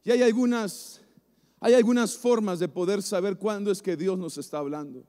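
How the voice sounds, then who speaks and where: A man preaching a sermon to a church congregation, emphatic and repetitive, building phrases up to shouts. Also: sits high, moderate pace. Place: church service before a congregation. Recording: long reverb of a large hall.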